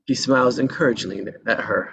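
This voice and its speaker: Reading stage directions a little fast at a script table read, a man speaks with a medium pitch over slight background noise.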